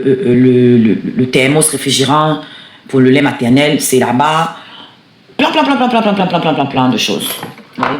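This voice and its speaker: A woman's voice: rumbling low, reverberant, a little hiss or hum. A woman host, commenting on a replayed live and plugging products, crying out often. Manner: exclamatory, animated, cries out often. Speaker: show host.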